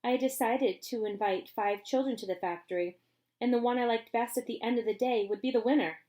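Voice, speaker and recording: A woman's voice: fairly high pitch, mellow, voice pushed up, natural voice. A woman doing an eccentric old candy-maker man. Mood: eager. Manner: brisk, eager and bossy. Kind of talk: storybook reading with voices.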